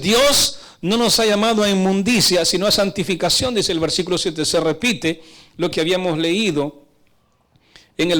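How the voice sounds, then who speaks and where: A preacher with a strikingly high voice gives an emphatic sermon, exhorting his listeners and repeatedly checking in with them through questions. He swings between urgent bursts and slower, quieter passages.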